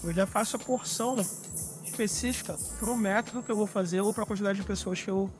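High-voiced Brazilian man explaining camp coffee. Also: brisk, music in the background. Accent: Brazilian Portuguese. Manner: relaxed, explanatory, handles gear while talking. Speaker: barista explaining trail coffee gear. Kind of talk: casual outdoor demonstration. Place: forest outdoors.

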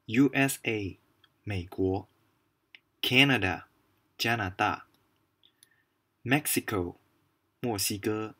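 A man from Malaysia teaching a beginner language lesson, saying each word slowly and carefully and repeating it for learners. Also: mid-range voice, a bit bright, husky.

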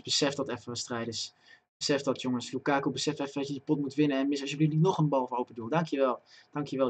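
A young man giving live commentary on his own football game, chatting to viewers and breaking into loud excited yells at big chances. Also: mid-range voice, a little hiss or hum. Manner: talks to himself and chat, bursts into loud excited shouting at chances. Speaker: gaming streamer. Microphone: desk microphone.

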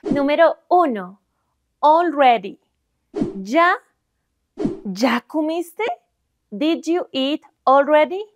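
A young Colombian woman teaching Spanish grammar, giving examples slowly and clearly in Spanish and English. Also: high voice, expressive. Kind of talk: bilingual grammar lesson.

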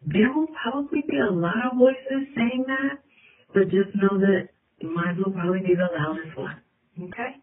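Woman cheering someone on in a video message, sounds like it's through a phone, all gushy and warm. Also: medium pitch, normal speed. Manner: affectionate and effusive, cheering. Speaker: family member sending a recorded message. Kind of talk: heartfelt recorded video message. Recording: tinny phone-like audio.

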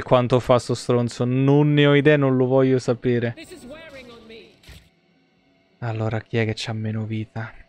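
Clear and resonant, this medium-pitched voice belongs to a video game streamer in his thirties. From his indoor streaming desk, he narrates live gameplay in a grumbling, foul-mouthed, casually chatty way.

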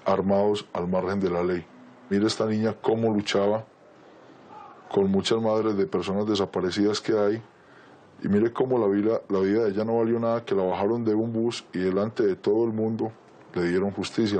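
Anonymous Colombian man, disguised deep voice, dark and mellow tone, blunt interview answers. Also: steady tone, fast talker. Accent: Colombian Spanish. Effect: voice electronically disguised, pitched deep.

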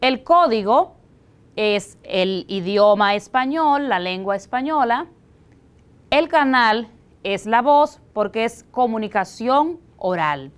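A woman teacher with a Dominican accent, explaining a language lesson for television slowly and deliberately, step by step. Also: fairly high pitch, lively intonation, clear, resonant tone.

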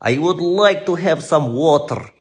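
A man putting on a loud, exaggerated Russian accent, speaking English in a mock-polite way. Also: on the high side, expressive, unhurried.

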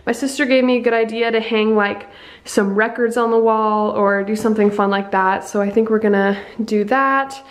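A young woman vlogger chatting casually at home, upbeat and filling her talk with "like" and "um" while she shows things to the camera. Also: mid-range voice. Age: young adult. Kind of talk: casual home vlog chat. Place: living room, then walking through a house, indoors. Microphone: on-camera mic, camera handheld at arm's length.

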